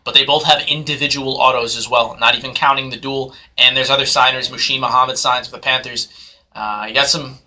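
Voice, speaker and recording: Guy hosting a live card break, super bright sharp voice, hyped quick bid calling. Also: medium pitch, steady tone. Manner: hyped, fast auction patter. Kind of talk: live sales commentary.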